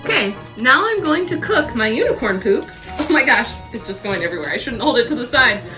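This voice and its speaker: A woman's voice: fairly high pitch, sing-song, brisk, over music. A woman hosting a comedic baking vlog with a playful, theatrical, sing-song exaggerated way of talking. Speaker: host of a baking show.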